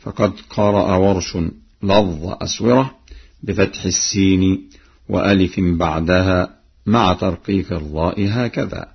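Slow husky man teaching Quran recitation. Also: low voice, steady tone, dull audio. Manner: alternates plain explanation with slow chanted recitation. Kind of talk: explaining and demonstrating Quran recitation readings.

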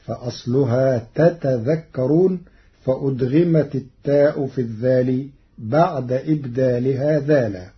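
A man explains recitation rules in an unhurried, measured way, stopping to recite short examples. His voice sits mid-range in pitch. The recording is dull and lo-fi. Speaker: Quran recitation teacher.

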